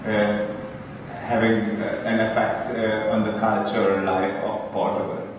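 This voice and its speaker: A man asking interview questions in English, halting as he searches for words. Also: on the low side, level tone. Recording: echoey hall, distant mic, faint noise.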